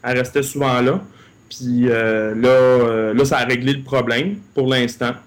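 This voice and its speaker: A man's voice: mid-range voice, steady tone, unhurried. A man with a Québécois accent chatting casually as a podcast co-host, colloquial and often repeating words. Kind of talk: casual tech chat.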